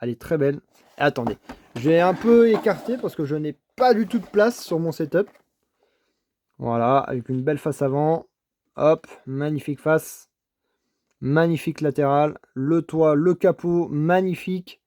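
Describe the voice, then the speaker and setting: A man with a slightly high voice presents his toy car finds at his desk, praising each one over and over. He stammers, restarts and apologizes for it as he goes. The sound is dry and close, with no room echo. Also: normal speed, a little mellow. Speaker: toy car collector vlogger. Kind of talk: casual unboxing commentary. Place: home desk setup.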